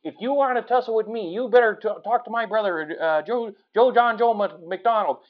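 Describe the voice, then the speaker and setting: Guy doing a fight-picking tough guy, talks fast and rambles, muffled sound. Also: high voice, natural voice. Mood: belligerent. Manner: rapid, rambling threats. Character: hot-headed brawling man itching to fight.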